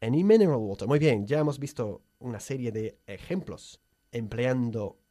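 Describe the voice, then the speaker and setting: A man's voice: medium pitch, animated, normal speed, dark tone, no echo. A man hosting an upbeat bilingual radio English lesson, who laughs often and drills pronunciation in a studio. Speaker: English teacher and host.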